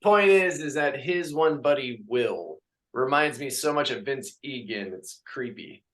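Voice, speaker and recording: A man's voice: medium pitch, lively intonation, measured pace, fairly bright tone. A man coaching a group workout class, counting out reps and chatting and joking with the class between exercises. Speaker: fitness coach.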